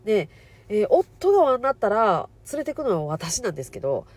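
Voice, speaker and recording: A woman's voice: medium pitch, big pitch swings, a little fast, darkish tone, dry recording. A middle-aged woman with a Kansai accent and a stuffy nose from a cold, hosting a rambling, chatty solo talk. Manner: rambling, chatty, self-deprecating. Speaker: podcast host, nurse. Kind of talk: casual solo chat.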